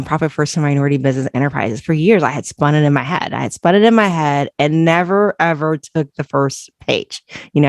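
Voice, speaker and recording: A woman podcast host reading a book excerpt aloud in an earnest, expressive way, then interviewing her guest. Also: deep voice, no echo, studio quality.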